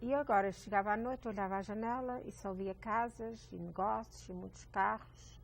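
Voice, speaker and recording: A woman's voice: mid-range voice, fairly even intonation, moderate pace, gravelly. An older woman from Portugal, talking as a guest in a reflective, hesitant way with small restarts. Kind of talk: casual chat.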